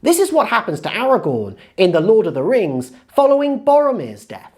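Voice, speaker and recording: A woman giving scripted narration for a writing-tips video, explaining in a measured way with strong emphasis. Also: medium pitch, wildly swooping pitch, darkish tone.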